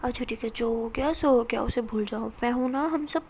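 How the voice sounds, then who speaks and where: A woman voicing a caring young woman who soothes her partner softly. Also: a little high, fairly quick, a little hiss or hum, close to an everyday voice. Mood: hushed tender. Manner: soft, soothing, partly whispered. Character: caring older girlfriend, soothing, protective.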